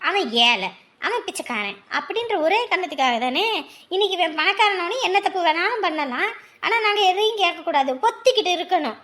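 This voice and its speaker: A woman's voice: very high voice, very animated, fairly quick, bright, forceful tone, exaggerated voice. A woman playing an anguished village mother in a family drama, scolding and pleading emotionally. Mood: bitter complaint. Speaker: mother of the groom. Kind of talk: Tamil family drama acting.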